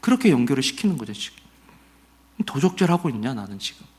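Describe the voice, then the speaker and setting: A middle-aged man of medium pitch preaches fast through his Sunday sermon. The pastor keeps an animated, conversational tone, asking his congregation questions and performing the quotes.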